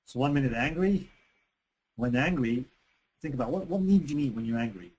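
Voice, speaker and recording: A man's voice: mid-range voice, animated, brisk, a little mellow, husky, poor audio. A man presenting a webinar lesson in a conversational way, with frequent fillers and restarts. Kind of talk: teaching on relationships. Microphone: computer microphone on a webinar.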